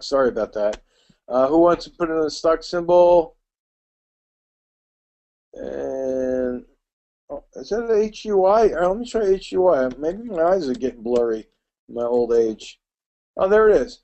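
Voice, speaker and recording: A middle-aged man teaching a live trading webinar. He talks quickly and chattily and calls attendees by name. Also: fairly high pitch, darkish tone.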